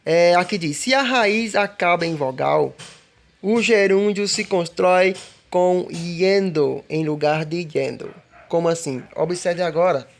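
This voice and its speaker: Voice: medium pitch, measured pace, gravelly. A teacher giving a recorded grammar lesson, explaining patiently and repeating checks for understanding. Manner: patient, repetitive explaining with frequent "né?" and "ó".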